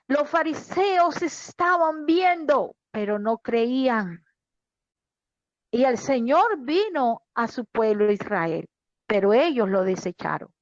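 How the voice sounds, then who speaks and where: A woman pastor delivers a fervent sermon, talking directly to her congregation. Her voice sits high and her delivery is slow and deliberate. The recording is dry and a little muffled. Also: expressive, dry recording. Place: online church service.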